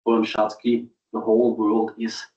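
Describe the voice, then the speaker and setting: Male thesis candidate, lowish flat pitch, halting and um-filled academic delivery, recorded dull and off-mic. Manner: hesitant, halting delivery with frequent ums. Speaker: doctoral candidate presenting thesis defence. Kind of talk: academic presentation. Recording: distant mic, dull muffled sound.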